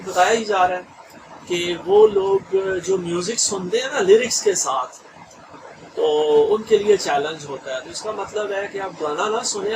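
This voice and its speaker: High-voiced man lecturing, distant and noisy. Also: creaky. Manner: chatty, mixes English phrases, frequent "theek hai ji" checks. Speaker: trainer. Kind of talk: online training lecture. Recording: distant mic with noisy room ambience.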